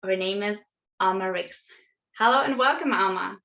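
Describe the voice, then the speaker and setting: A woman's voice: medium pitch, moderate pace, creaky, sharp tone. Woman host, cheerful and encouraging, slightly muffled recording. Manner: upbeat, encouraging, some hesitations. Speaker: interview host. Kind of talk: online interview show.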